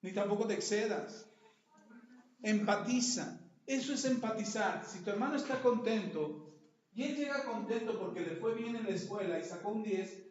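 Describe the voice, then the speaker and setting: A man's voice: high-pitched, moderate pace. A male pastor preaching a sermon, asking the congregation rhetorical questions and acting out the voices he quotes. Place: church. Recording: echoey church hall, mic far off, dull and noisy.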